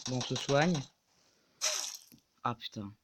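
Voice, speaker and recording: Excitable man yelling over gameplay. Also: medium pitch, slow pace, background noise. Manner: excitable, swearing, yelps and shouts in panic. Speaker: gaming YouTuber. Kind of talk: live gameplay commentary.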